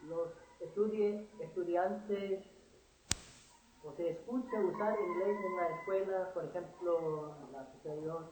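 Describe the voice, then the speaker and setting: A man interviewing in Spanish, asking halting questions with frequent restarts. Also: high voice, steady tone. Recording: distant, roomy, noisy recording.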